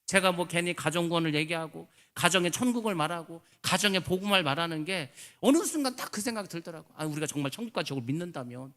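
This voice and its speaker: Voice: medium pitch, animated, fast talker, few pauses, bright, forceful tone. A pastor delivering a sermon in a church service, telling an emotional story and rising into fervent pleas to the congregation.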